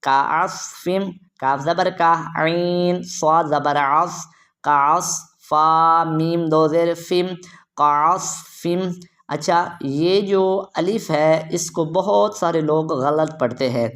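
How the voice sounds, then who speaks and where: A man's voice: a little high, fairly bright tone. Man drilling recitation syllable by syllable. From Pakistan. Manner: drills by asking how it is read, then answering; drawn-out melodic recitation of verses. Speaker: Quran recitation teacher. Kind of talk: tajweed lesson, spelling out syllables.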